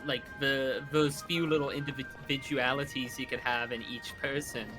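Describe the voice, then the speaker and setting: A man's voice: mid-range voice, fairly even intonation, moderate pace, music in the background, poor audio. A man in casual gaming chat, rambling through ideas with lots of likes and restarts. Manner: rambling, many fillers and restarts.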